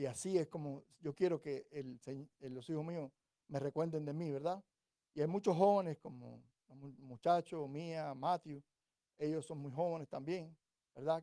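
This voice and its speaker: A middle-aged man from Cuba preaching a sermon, talking conversationally and often checking in with the listeners, then rising to slower, stronger emphasis when reading scripture. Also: on the high side, dark tone, dry recording, clean studio sound. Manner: conversational, rhetorical "¿cierto?" checks.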